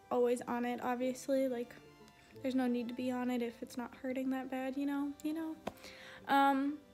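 A young adult woman giving a casual video diary update, rambling hesitantly and often saying "like". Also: high voice. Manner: hesitant, filler-heavy rambling with frequent "like". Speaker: vlogger.

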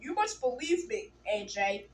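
A woman's voice: fairly high pitch, very animated, unhurried, echoey room, a little hiss or hum. A woman voicing a weird boy dressed as a werewolf, speaking in a spooky, mysterious way.

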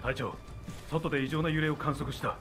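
An actor playing a brisk military squad member in a video game, reporting urgently. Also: male voice, fairly high pitch, fairly even intonation, a bit bright, faint music behind, close to an everyday voice. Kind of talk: dubbed video game acting.

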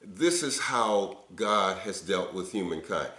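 Older man, pastor, webcam sermon in a roomy office, low-pitched, earnest and conversational. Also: animated, takes it slowly, sharp tone. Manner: earnest, conversational preaching with frequent uh fillers. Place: indoor office before window blinds.

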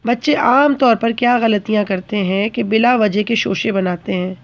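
A woman's voice: medium pitch, moderate pace, muffled recording. A woman teacher giving a patient, step-by-step handwriting lesson to children, often checking that they follow.

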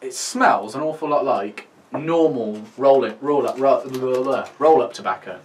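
A man's voice: medium pitch, moderate pace. Young British man, distant mic. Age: 20s. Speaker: co-host of a pipe tobacco review video. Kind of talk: casual, bantering review chat. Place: small indoor room. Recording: distant mic, faint room noise.

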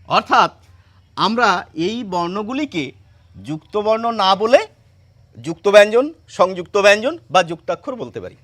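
A man's voice: sits high, fairly bright tone. A man giving a patient grammar lesson, asking and answering his own questions and repeating key points. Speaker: Bengali grammar teacher.

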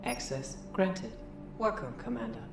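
A woman voicing a calm ship computer, formal and measured, with synthetic processing, in a scripted game announcement. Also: medium pitch. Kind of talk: scripted briefing and system announcements. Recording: echoing voice over game music.

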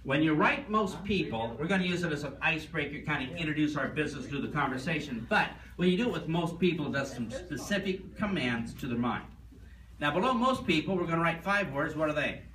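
Animated male trainer in a roomy hall. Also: fairly high pitch, quick pace, crowd noise. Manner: animated, quizzes the audience, tells stories. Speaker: sales trainer. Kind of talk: live seminar lecture. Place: seminar room. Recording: roomy and distant with faint noise.

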